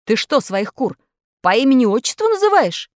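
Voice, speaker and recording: A woman voicing an excitable male plumber dressed as a vampire. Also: a little high, normal speed, no room sound, studio quality. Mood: excited.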